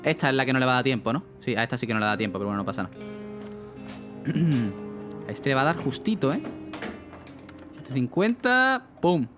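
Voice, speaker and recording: A man's voice: mid-range voice, lively intonation, brisk, long pauses, music in the background. A young man gives casual, swearing livestream commentary while playing, often asking his viewers what to do. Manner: casual, chatty, asks chat often, swears. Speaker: streamer.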